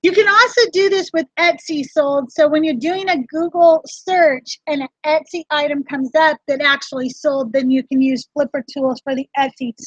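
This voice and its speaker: A high-pitched woman hosts a casual livestream tutorial, chatting directly with her viewers in a friendly back-and-forth way. Her voice comes through dull and lo-fi, with a dry, close sound and no room echo. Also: fairly bright tone. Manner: chatty, talks straight to viewers in chat. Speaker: reseller vlog host.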